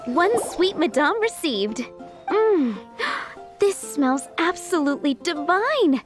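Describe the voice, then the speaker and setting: An earnest, polite young restaurant worker from a video game. Her voice sits high and swings expressively, with clear music playing behind it. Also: very animated, takes it slowly, full character voice. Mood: encouraging. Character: overwhelmed, grateful young female restaurant worker.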